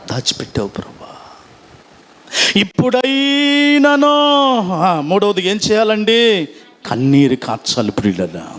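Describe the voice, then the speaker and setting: A man. He calls out questions and has the congregation answer back, slipping English phrases into his sermon. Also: sits high. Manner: call-and-response preaching, prompting the congregation to repeat; mixes English phrases into Telugu preaching. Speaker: pastor.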